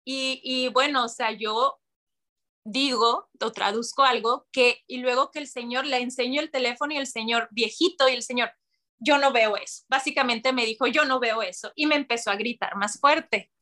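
A woman's voice: fairly high pitch, moderate pace. A woman, casually telling a story as a guest and acting out voices. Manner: animated, acts out voices, laughs often.

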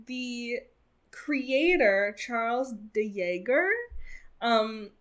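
A woman's voice: on the high side, very slow. A woman co-hosting a casual podcast, telling a story in a chatty way with frequent ums and laughs. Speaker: podcast co-host. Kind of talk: casual chat.

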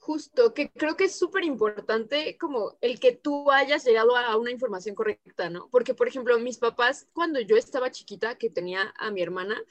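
A woman's voice: a little high, normal speed, few pauses, no room sound. A woman with a Mexican Spanish accent, speaking earnestly about her own family experience. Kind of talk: conversational chat.

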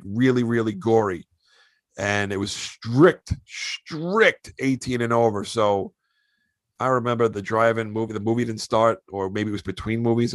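A man who hosts a podcast, telling animated show-business anecdotes in a casual way. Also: fairly low pitch, no room sound. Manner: animated anecdotes, acts out quoted voices. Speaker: podcast host and actor. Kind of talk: casual storytelling.

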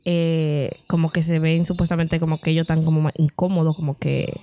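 A woman's voice: low voice, little pitch movement, fairly quick, mellow. Hesitant woman podcast co-host. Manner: hesitant, many fillers and restarts. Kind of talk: casual podcast chat.

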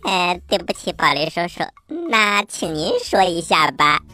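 A woman's voice: fairly low pitch, measured pace, bright, forceful tone, soft background music. A woman voicing a chatty, childlike little green frog with a playful cartoon frog voice, co-hosting a children's story show. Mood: playful, bumbling. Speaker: co-host.

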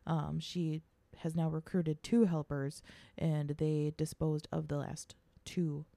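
A woman co-hosting a true crime podcast in relaxed casual chat, easygoing and self-deprecating. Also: low voice, slow, gravelly, no room sound. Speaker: podcast co-host.

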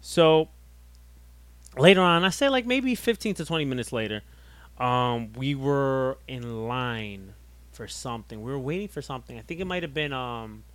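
A man's voice: medium pitch, normal speed, no room sound. A young man co-hosting a wrestling podcast, telling stories in casual banter and swearing freely. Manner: animated, swearing, storytelling. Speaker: podcast co-host.

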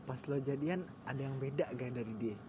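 A man, hosting a casual chat with quick, teasing questions. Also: mid-range voice, background noise. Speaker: host.

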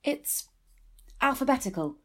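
A young woman playing an eager trainee detective, earnest and expressive, in a comic audio drama. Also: high-pitched, a little slow, full character voice. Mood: playful, stubborn. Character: eager, punning young female trainee detective, sensitive and forthright.

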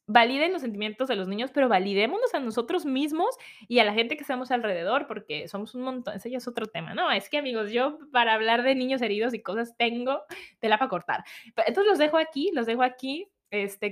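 A woman's voice: fairly high pitch, lively intonation, brisk. A young adult woman hosting her own podcast, talking casually and reflectively and often tagging her points with rhetorical questions. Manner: chatty, tags remarks with rhetorical questions. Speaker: podcast host.

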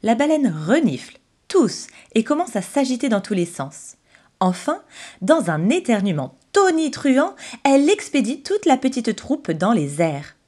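Lively woman reading a children's storybook. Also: on the high side, measured pace. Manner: expressive, dramatic narration.

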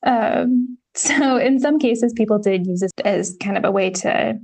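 A woman co-hosting a casual history podcast, talking in a relaxed way with lots of ums and the odd wry swear word. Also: on the high side, measured pace, creaky. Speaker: podcast co-host.

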